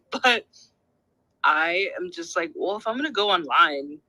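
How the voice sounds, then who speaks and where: A young man, an artist and guest, chatting in a bubbly, fast way with frequent laughs and many fillers. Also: sits high, sing-song, sharp tone, no room sound, rough recording. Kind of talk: casual chat on a podcast.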